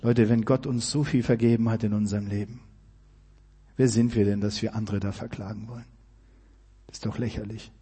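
A man preaching a sermon, emphatic and direct, asking his listeners questions and building to loud climaxes. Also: on the low side, fairly even intonation, brisk, pauses often, breathy edge, in a large hall. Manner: emphatic, rising to near-shouting climaxes.

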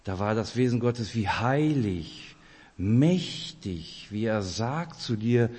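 A lay preacher in his forties, from Kazakhstan, delivers a chatty, friendly sermon at a church weekend, starting with a bit about himself and speaking directly to those present. His voice sits on the low side, expressive, slow and a little mellow, with a Russian-German accent and a rolled R, echoing through the hall.

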